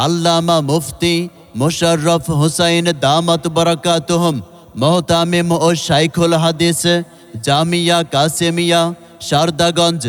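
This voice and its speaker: Bangladeshi man, formal declamatory announcer, emphatic, even pitch, long reverb, music behind. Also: clear, resonant tone. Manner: formal, emphatic, repeating key phrases. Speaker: announcer for a religious gathering. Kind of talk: scripted promotional announcement, declamatory.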